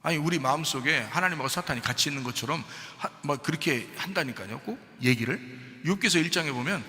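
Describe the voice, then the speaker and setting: A male pastor delivering a lively, conversational sermon that swells into shouting. His voice sits fairly high and cuts through with a bright, forceful edge. The long reverb of a church sanctuary hangs on every phrase. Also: fast talker. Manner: animated storytelling, builds to shouting.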